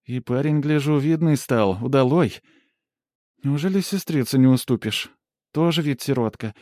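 A man voicing a domineering, wheedling middle-aged woman in a dry, close audiobook reading, shrill and theatrical. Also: moderate pace, dark tone, no echo, lightly acted. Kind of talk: audiobook character voice.

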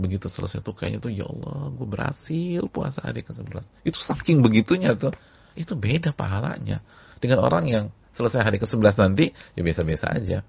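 Gravelly low-voiced preacher. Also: male voice. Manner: animated, casual slang, swings loud to soft. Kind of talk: sermon. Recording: dull lo-fi audio recording.

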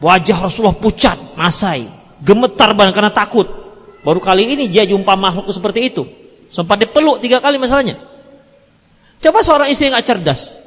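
High-voiced male preacher in a reverberant hall. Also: a little fast. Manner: animated storytelling, acting out quoted dialogue, joking asides. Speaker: Islamic religious teacher. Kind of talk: sermon-style book study.

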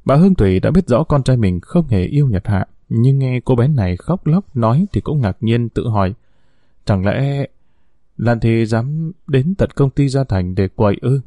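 A man narrating a romance story in a steady, scripted storytelling manner. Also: mid-range voice, moderate pace, no room sound, clean studio sound. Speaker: audiobook narrator.

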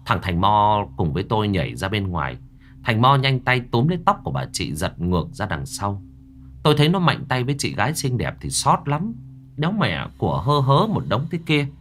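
A man's voice: fairly low pitch, huge pitch swings, normal speed, a bit bright. A man narrating a horror story in the first person with dramatic, vivid delivery.

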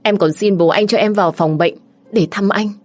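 A woman's voice: medium pitch, moderate pace, darkish tone, faint music behind, pitched above the performer's own voice, close to an everyday voice. A woman voicing a young woman heroine who pleads through tears in an audio story. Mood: tearful pleading.

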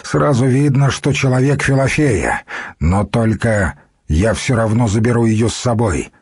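A man's voice: mid-range voice, animated, measured pace, a little mellow, slightly rough, no room sound, studio quality. A man doing a curt, haughty palace official. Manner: curt, commanding.

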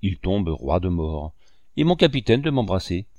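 A man narrating a first-person memoir in a steady, measured way. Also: deep voice, dry recording. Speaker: audiobook reader.

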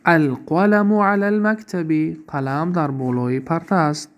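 A man teaches a grammar lesson in a voice pitched a little above most men's. He reads each example sentence out slowly, then breaks into brisk explanation, asking his own questions and answering them at once. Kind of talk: classroom lesson on Arabic grammar.

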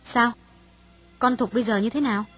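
A woman voicing a frank, worldly young woman in an audiobook, speaking bluntly to a friend in a husky voice. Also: a little high, steady tone, moderate pace, fairly bright tone, soft background music. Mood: amused. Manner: frank, dismissive storytelling. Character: calm, worldly young Vietnamese woman, older sister.

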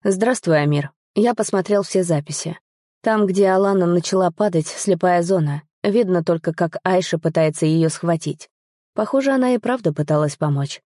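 A woman voicing a calm young man who reports things in a matter-of-fact way. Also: on the low side, normal speed, no room sound, clean studio sound, lightly acted.

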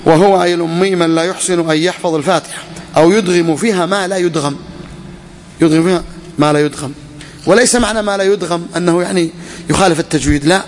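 A man teaching a class on a legal text, questioning his students and repeating key phrases. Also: high voice. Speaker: religious teacher. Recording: echoey hall.

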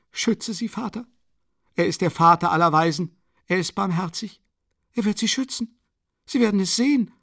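A breathless, consumptive mother in a spoken audiobook scolds and pleads in a high, shrill rush, as a man reads her part. Her voice carries a gravelly rasp beneath the strain. The recording is close and dry. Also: fairly bright tone, dry recording, heavily acted. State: out of breath and coughing. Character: frantic impoverished widowed mother, consumptive woman. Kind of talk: audiobook character voice.

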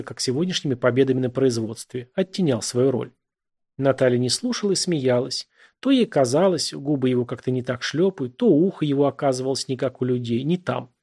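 A man narrating a literary novel as an audiobook. His reading is measured and reflective, with a husky voice at a middling pitch. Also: darkish tone.

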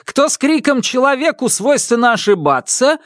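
A man's voice: very animated, takes it slowly, darkish tone, no room sound, studio quality. A man voicing a hot-headed young male inventor who rants in a raised, indignant voice. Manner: shrill, ranting, indignant.

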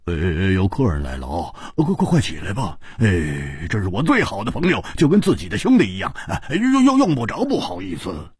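Storybook rogue, brash and stammering, voiced by a male narrator; husky, swinging pitch. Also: a little fast, few pauses, dry recording, clean studio sound, exaggerated voice. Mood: boisterous. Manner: shouting, stammering excitedly. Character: boisterous young man, loud, excitable, stammering.

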